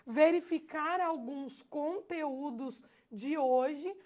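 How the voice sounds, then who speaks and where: A woman with a Brazilian Portuguese accent teaching a recorded online class, explaining slowly and repeating her key phrases. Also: sits high.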